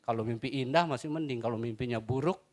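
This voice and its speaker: A male pastor preaching a sermon in a church, shifting between loud exclamations and quiet asides and joking with the congregation. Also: mid-range voice, fast.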